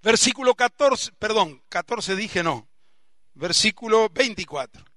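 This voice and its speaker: A man with an Argentine accent preaching a sermon as pastor, emphatic, bursting into shouts on key words and dropping low for asides. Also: expressive, unhurried, no room sound, studio quality. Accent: Argentine Spanish.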